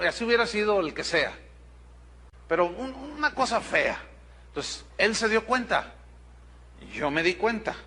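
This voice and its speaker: A man's voice: high-pitched, pushed and bright, slight background noise. A man with a Mexican accent, a pastor preaching a sermon to his congregation, telling a story bluntly with asides to the listeners. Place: church congregation.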